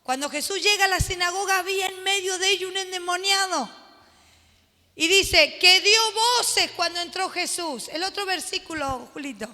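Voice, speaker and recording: A woman pastor leading an animated Bible study sermon, laughing often and acting out the quotes. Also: extremely high pitch, moderate pace, in a large hall.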